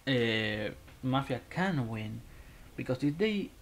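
Gravelly slow-talking man playing a game. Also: medium pitch, lively intonation, slight background noise. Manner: rambling, muttering, frequent restarts, bursts of laughter. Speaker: gaming YouTuber. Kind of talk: casual gameplay commentary.

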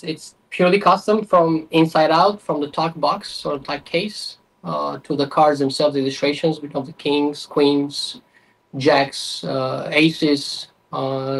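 Thirties guy from albania, kinda high voice, lots of uhs, on a webcam from a small room. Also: vocal fry, poor audio. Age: 30s. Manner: hesitant, many fillers. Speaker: guest, playing card designer. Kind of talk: casual interview. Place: small room with playing cards on a desk.

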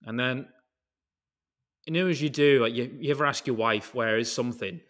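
A man's voice: mid-range voice, moderate pace, fairly bright tone. A British man chatting casually on a podcast, telling stories in a rambling way that jumps between tangents and drops the odd swear word. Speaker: podcast guest, concrete craftsman. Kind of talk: casual chat.

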